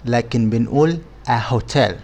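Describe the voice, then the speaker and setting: A man with an Egyptian Arabic accent, teaching English words in a scripted lesson and pronouncing each example slowly and carefully. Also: medium pitch, a little mellow.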